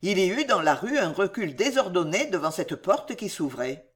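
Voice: mid-range voice, breathy edge. A reader giving a dramatic narration of a historical adventure novel. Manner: slow, lively dramatic reading. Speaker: audiobook reader.

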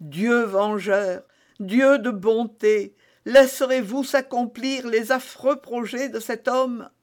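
A man's voice: very high-pitched, steady tone, slow, voice pushed up. A man reading an audiobook voices a desperate, scheming woman prisoner who pleads and prays in a tearful, theatrical way. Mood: praying tearfully.

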